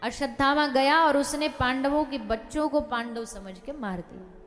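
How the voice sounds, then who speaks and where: A woman's voice: high voice, moderate pace, long reverb tail. A woman giving a devotional scripture discourse, animatedly telling the story and acting out its dialogue. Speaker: religious storyteller.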